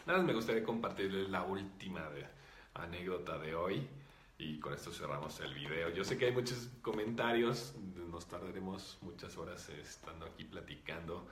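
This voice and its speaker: A man, a spiritual teacher calmly explaining and answering viewer comments. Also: sits low, normal speed, echoey room. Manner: calm, explanatory, with many fillers.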